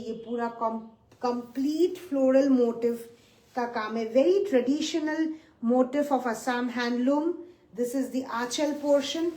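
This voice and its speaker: Slow, enthusiastic woman selling sarees. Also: a little high, a little mellow, distant mic. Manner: enthusiastic, mixes English and Hindi, repeats key points. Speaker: saree seller on a live stream. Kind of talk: live sales presentation. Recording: echoey room, voice from off-mic, faint room noise.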